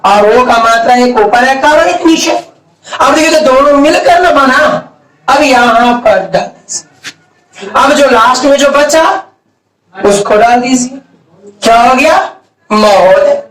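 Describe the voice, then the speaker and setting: A man's voice: extremely high pitch, slow pace, pauses often, a bit bright. A man teaching a grammar lesson at a board, asking questions and answering them himself, stretching out key words. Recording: echoey room, mic far off.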